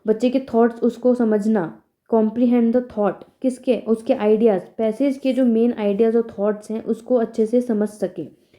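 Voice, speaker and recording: A young woman teacher giving an exam revision lecture. She explains points in Hindi, reads the English points slowly, and asks questions that she answers herself. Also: on the high side, fairly even intonation, dark tone.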